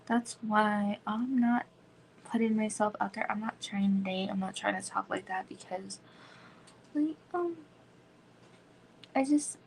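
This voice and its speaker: Woman in her thirties, home livestream host, gravelly voice, rambling chatty delivery full of "like". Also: medium pitch, a little slow, pauses often, a little hiss or hum, poor audio. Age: 30s. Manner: rambling, frequent "like" fillers, drops into whispers. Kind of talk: casual chat.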